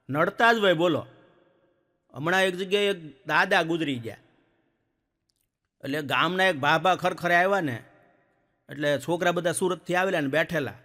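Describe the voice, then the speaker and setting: A man tells village jokes with a lively, animated delivery. His voice sits high and ringing. He is heard in a hall with long reverb. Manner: lively joke-telling, acts out villagers and animals. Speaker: stand-up comedian. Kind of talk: folk comedy storytelling.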